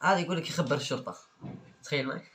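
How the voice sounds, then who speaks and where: A man's voice: on the high side, rapid-fire, fairly bright tone. A young man hosting a comedy video, reading out funny exam answers and reacting with joking, mock-exasperated remarks. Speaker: video host.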